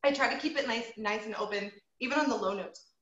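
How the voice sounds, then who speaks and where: A woman's voice: a little high, fast talker, fairly bright tone. A woman voice teacher giving a group singing lesson, encouraging and patient, with frequent ums and sung demonstrations. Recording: roomy, slightly dull audio.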